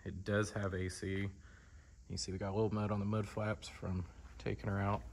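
A man talks a viewer through a vehicle in a large indoor showroom. His delivery is relaxed and chatty, full of fillers, as if he were walking around with the camera. Faint clicks sit under his voice. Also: fairly low pitch, normal speed, creaky, a little hiss or hum. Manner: relaxed, conversational, lots of fillers. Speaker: car dealer. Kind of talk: casual walkaround sales tour.

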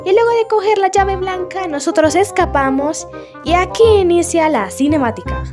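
A woman YouTuber giving chatty, jokey commentary on a game's story, retelling scenes with animated asides. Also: very high-pitched, moderate pace, over music. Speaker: gaming YouTuber. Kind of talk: game story analysis commentary.

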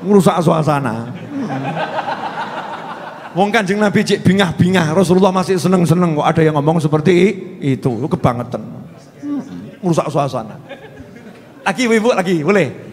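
A man's voice: on the high side, lively intonation, normal speed. A man with a Javanese accent preaching a humorous sermon to a live congregation, teasing and coaxing the audience. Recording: long hall reverb.

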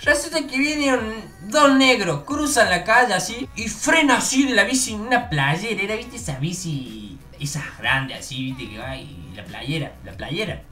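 A young man from Córdoba, Argentina, with a Córdoba accent, telling funny personal stories in a casual, animated way and acting out the voices of people he quotes. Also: high-pitched, normal speed, hardly any pauses, faint music behind. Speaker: YouTuber. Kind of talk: casual storytelling.

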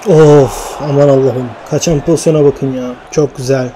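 A man commentating his own football video game match, shouting and groaning at chances, then calmly recapping standings at night at home. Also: medium pitch, moderate pace, slight background noise. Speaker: gaming YouTuber. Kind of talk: excited gameplay commentary.

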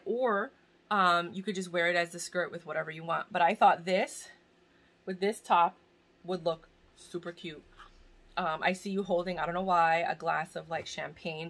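Hosting a giveaway on her fashion channel, a woman in her forties talks casually to a camera at desk distance, rambling and gushing despite being in pain. Her fairly low voice is creaky and a little bright, with fairly even intonation and a moderate pace. The setting is a small indoor room crammed with bags and boxes.

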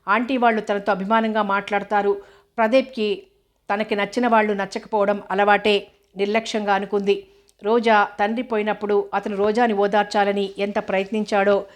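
A woman narrating a novel as an audiobook, with a steady, even reading. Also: medium pitch.

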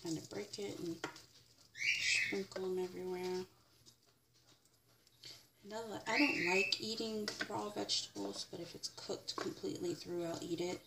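In a very noisy home kitchen, with clatter and people audible behind her, a young American vlogger and home cook chats informally through a cooking demo, narrating every step. Her voice sits on the low side, steady in tone at normal speed with long pauses, recorded by a fixed camera on the counter.

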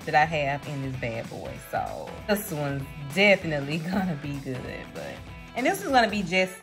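A young woman with a low voice chats casually into a handheld phone camera in her home kitchen. She is playful and pokes fun at herself as she goes. Upbeat pop music plays clearly under her voice. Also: sing-song, moderate pace. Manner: chatty, playful, self-mocking. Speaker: vlogger and mother. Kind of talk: casual cooking vlog chat. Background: background pop music.

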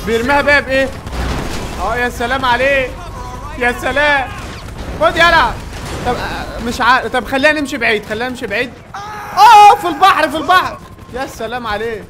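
A man with an Egyptian accent giving excited gameplay commentary, yelling at the game's characters. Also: very high-pitched, fast, long pauses, background noise. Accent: Egyptian Arabic. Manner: excitable, yells at game characters. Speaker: gaming YouTuber.

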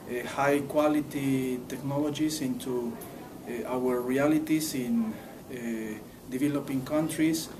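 A man from Bolivia giving a testimonial to camera, pausing often to search for words. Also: mid-range voice, recorded from a distance, noisy background. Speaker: course participant.

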